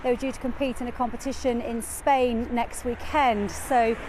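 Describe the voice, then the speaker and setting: A woman news reporter giving an earnest, measured field report. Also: fairly high pitch, steady tone, noisy background.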